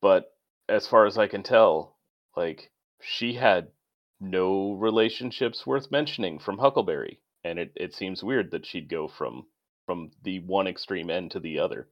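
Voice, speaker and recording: A man's voice: deep voice, a little slow. A man hosting a casual book podcast who leads the talk with prepared questions in a dry, matter-of-fact way. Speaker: podcast host asking questions. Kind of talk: casual chat. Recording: dull, lo-fi sound.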